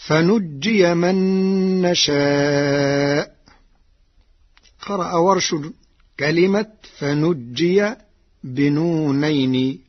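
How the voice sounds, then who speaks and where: A man giving a formal, measured explanation on radio, repeating words deliberately. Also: fairly high pitch, husky. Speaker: radio presenter explaining reading variants. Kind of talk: formal slow explanatory talk. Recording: dull old radio recording.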